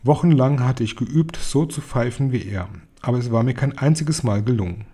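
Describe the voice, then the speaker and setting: A man reading a children's novel aloud as narrator, calm and even. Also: mid-range voice, normal speed, husky. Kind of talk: audiobook reading.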